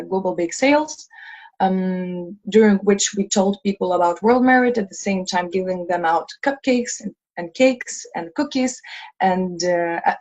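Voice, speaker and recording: On a casual video call recorded with dull lo-fi sound, a woman in her twenties from Lithuania, the head of a fundraising team, talks earnestly while stumbling through fillers and restarts. Her voice is medium-pitched and a little mellow.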